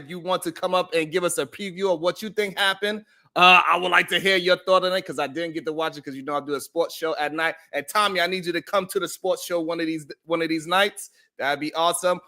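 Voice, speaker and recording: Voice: medium pitch, pushed and bright. A host giving casual live commentary, thinking aloud in a hesitant way.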